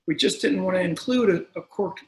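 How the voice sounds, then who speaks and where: A man's voice: high-pitched, a little fast, reverberant, poor audio. A middle-aged man who runs a wine shop, hosting a video-call tasting in a casual, chatty way, telling stories and correcting himself as he goes. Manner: chatty, storytelling, self-correcting. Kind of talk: casual explanatory talk.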